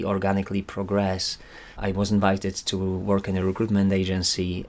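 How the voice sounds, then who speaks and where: A man from Poland with a Polish accent, a climate recruitment director appearing as a guest, answers interview questions. His voice is very deep and flat, and he speaks in a measured, earnest way with slightly formal phrasing.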